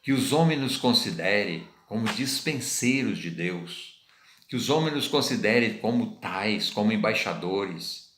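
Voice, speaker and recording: In a roomy, echoing recording, a middle-aged Brazilian preacher teaches an informal sermon, speaking conversationally with a Brazilian Portuguese accent. He repeats phrases and asks rhetorical questions. His pitch is fairly low, his tone fairly bright and expressive, his pace unhurried.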